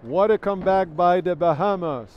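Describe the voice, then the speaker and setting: At a bowling alley, a native French speaker provides live commentary on a bowling event, chatting casually, thanking viewers and repeating words as he thinks. His voice sits high, his pace is moderate, and the audio is lo-fi.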